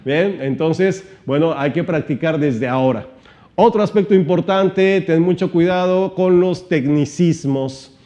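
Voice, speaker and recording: Male trainer, mellow voice, fairly high pitch, lively rhetorical seminar delivery. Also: measured pace, muffled recording. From Mexico. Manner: animated, playing with volume and pitch, many rhetorical questions. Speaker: motivational trainer. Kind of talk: seminar-style teaching talk.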